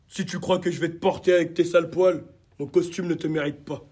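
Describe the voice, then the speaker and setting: A man voicing a fussy, cruel middle-aged dentist in a spoken storybook, gruff and scornful. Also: a little high, fairly even intonation, a little fast, darkish tone. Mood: contemptuous. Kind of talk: amateur storybook voice acting.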